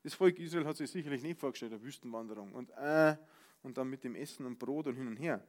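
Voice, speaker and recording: A Bavarian man preaches a sermon at a fast pace and medium pitch. He swings between loud outbursts and soft asides, acting out grumbling voices along the way.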